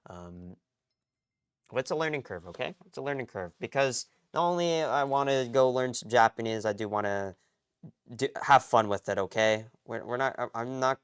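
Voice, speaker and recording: A man's voice: medium pitch, moderate pace, smooth. A man chatting on a late-night live stream, rambling in slang and often cutting himself off mid-sentence. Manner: rambling, slangy, self-interrupting.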